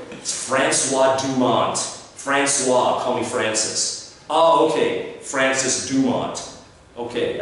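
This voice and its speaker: Animated male lecturer in an echoey room. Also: a little hiss or hum. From Canada. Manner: animated, acts out mock dialogues in squeaky voices. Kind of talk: lively classroom lecture. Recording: echoey room from a distant mic.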